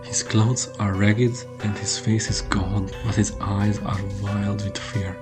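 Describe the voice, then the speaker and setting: A man reading a scripted horror story in the first person, with measured storytelling delivery. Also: lowish voice, level tone. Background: prominent music under the voice.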